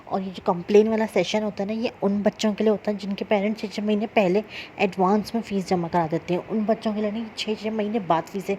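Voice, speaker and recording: Dark-voiced woman telling a story candidly. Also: mid-range voice, fairly even intonation, a little hiss or hum. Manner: candid, blunt, chatty retelling with many fillers. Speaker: vlogger. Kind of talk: casual personal storytelling. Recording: slightly dull lo-fi sound.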